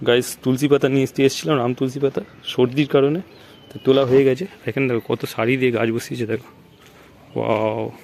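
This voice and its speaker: A man, filming a casual family vlog at home on a phone camera, talking to viewers and repeating his questions to get answers from family. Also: medium pitch. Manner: chatty, repeats himself, coaxes family for answers. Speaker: family vlogger. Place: family home indoors and around the yard. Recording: echoey rooms, faint ambient noise.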